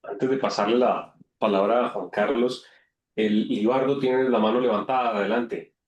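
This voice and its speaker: A man's voice: medium pitch, steady tone, moderate pace, dull audio. A man moderating an online discussion in a casual, courteous way, giving the floor to participants. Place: remote online call. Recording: roomy, echoing online call audio.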